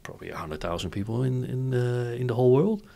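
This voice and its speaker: Animated and fast-talking, this Dutch man has a mid-range, warm voice with vocal fry. As an interview guest and company founder, he chats casually, explaining in short informal bursts that tend to end with a checking question.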